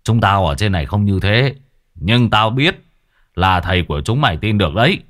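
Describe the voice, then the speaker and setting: A man doing a gruff, low old shaman. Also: expressive, measured pace, bright, forceful tone, heavily acted. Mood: weary. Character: gruff older male mountain shaman, worried.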